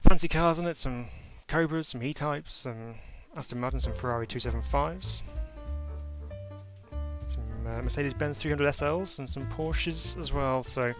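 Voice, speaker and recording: Sim racing streamer, man, chatty live commentary, mid-pitched, music behind. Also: moderate pace. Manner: chatty, upbeat, many fillers. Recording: jazz music playing behind.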